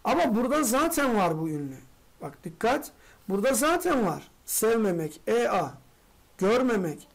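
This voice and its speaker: In an exam-prep grammar lesson, a teacher fires off quick rhetorical questions, answers them, and calls the students friends. The voice sits at a medium pitch.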